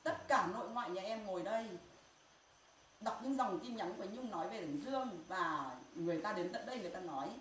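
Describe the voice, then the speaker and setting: A woman's voice: medium pitch, lively intonation, brisk, fairly bright tone. Middle-aged woman, grieving mother, pained insistent talk, distant from the mic, echoey noisy room. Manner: pained, insistent, repeats herself. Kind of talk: emotional family confrontation.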